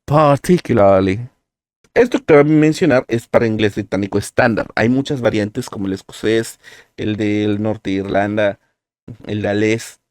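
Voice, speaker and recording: A man's voice: fairly low pitch, fairly even intonation, normal speed, darkish tone, dry recording. A man teaching a live-streamed language lesson, explaining pronunciation patiently and step by step. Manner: explanatory, talks through examples step by step.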